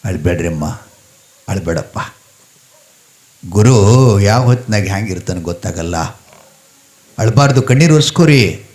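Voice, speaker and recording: A man voicing a gentle, humble young temple helper who speaks soothingly. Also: fairly low pitch, expressive, moderate pace, long pauses, reverberant, close to an everyday voice.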